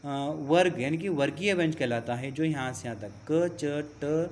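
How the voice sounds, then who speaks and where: Man, school teacher, fairly high voice, slow stepwise explaining, reciting letters one by one, asks then answers. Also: a little hiss or hum. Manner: explains step by step, asks and answers his own questions. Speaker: Hindi teacher. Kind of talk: classroom lesson on the alphabet.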